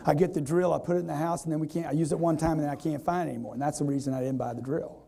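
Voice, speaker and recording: A man giving an energetic live sales seminar, quizzing the audience and acting out customers in quoted voices. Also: a little high, racing, vocal fry. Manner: energetic, repetitive, keeps quizzing the crowd. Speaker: sales trainer.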